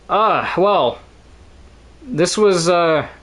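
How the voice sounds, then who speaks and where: A man's voice: high-pitched, a bit bright. A man streaming a video game, talking casually in a rambling way, swearing now and then and laughing often. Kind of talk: casual let's-play commentary.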